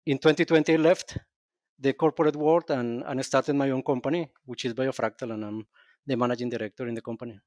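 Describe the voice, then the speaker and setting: A man speaks as a podcast guest, thoughtful and measured, sometimes restarting a phrase. His voice sits at a middle pitch. The sound is dry and close, with no room around it. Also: steady tone, darkish tone, no echo. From Colombia. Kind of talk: podcast interview.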